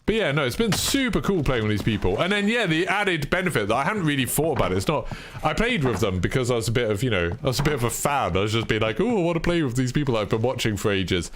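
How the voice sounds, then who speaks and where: British man, live-stream chat, rambling and self-deprecating, very animated pitch. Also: fast talker, slight background noise. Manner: chatty, self-deprecating, lots of "like".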